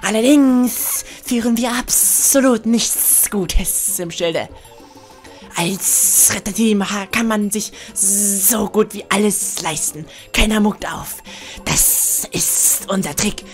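A woman's voice: mid-range voice, slow, faint music behind, lightly acted. A woman voicing a scheming monster gang leader from a video game, in a mock-evil, sneering, boastful manner. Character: scheming villain monster, gang leader plotting world domination.

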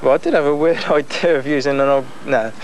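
A man's voice: fairly high pitch, quick pace. Chatty young man on a windy boat deck. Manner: relaxed, chatty, laughs often, many fillers. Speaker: amateur boat builder. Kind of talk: casual interview. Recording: noisy outdoor 1990s news tape.

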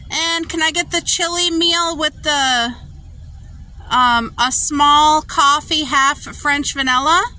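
A woman's voice: high voice, fairly even intonation, takes it slowly, bright, forceful tone. Upbeat woman ordering at a drive-through. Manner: polite, upbeat, a little hesitant with ums. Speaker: vlogger.

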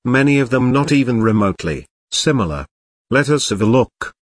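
A man narrating scripted commentary as host in a formal, deadpan way. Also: mid-range voice, normal speed, a little hiss or hum.

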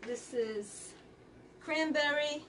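Chatty woman a bit high, quilt shop host, sounds kinda far from the mic, faint room hiss. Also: very slow, fairly bright tone. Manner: chatty, reads out fabric color names. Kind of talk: casual live sale chat.

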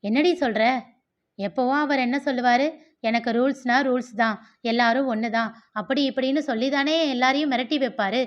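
An agitated, sharp-tongued sister-in-law, put on by a woman reading aloud fires off indignant questions. Her voice sits high. The recording sounds dull and lo-fi. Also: fairly quick, close to an everyday voice.

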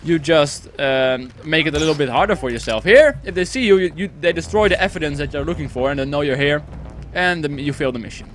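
A man's voice: fairly high pitch, fast, a little hiss or hum. A young man from the Netherlands giving goofy, rambling let's-play commentary, swearing a lot and breaking into silly singing. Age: young adult. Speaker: gaming channel host.

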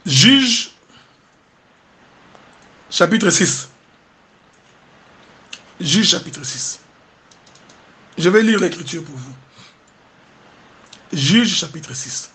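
A male preacher with a Congolese French accent delivers a sermon in a high, slightly husky voice. He speaks slowly and works up to emphatic, animated peaks, checking again and again that his listeners follow him. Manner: asks the congregation "do you understand?".

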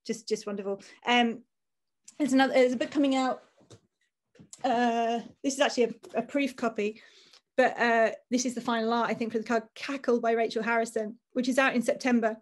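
A woman's voice: fairly high pitch, fairly even intonation, a little fast. A woman in her forties, an author, chatting casually and self-deprecatingly on a video call from a room at home.

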